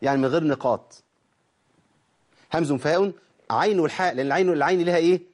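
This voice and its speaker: An Egyptian man with a slightly high voice gives a religious lesson on recitation rules. He chants verse lines slowly, then breaks them down in relaxed colloquial talk, often asking his students questions. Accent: Egyptian Arabic. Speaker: Quran recitation teacher.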